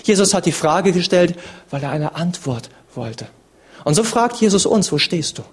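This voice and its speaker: A man preaching a sermon in an earnest, dramatic way, swinging between emphatic lines and hushed ones. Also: high-pitched, expressive, normal speed, husky.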